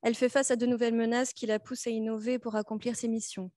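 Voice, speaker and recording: A woman acts as moderator, reading a prepared formal introduction in a measured, articulate way. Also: fairly high pitch, level tone, dark tone, dry recording.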